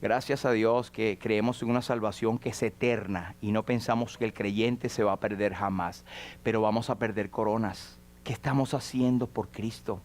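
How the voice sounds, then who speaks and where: A man's voice: fairly low pitch, steady tone, moderate pace, a little hiss or hum. A man preaching a sermon as pastor, acting out quoted prayers and dialogue. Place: church.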